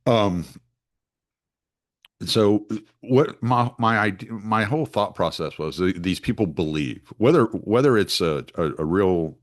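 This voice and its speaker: A man's voice: fairly low pitch, lively intonation, unhurried. A man, hosting a solo podcast in a rambling, casual way full of restarts and fillers. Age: 40s. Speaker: podcast host.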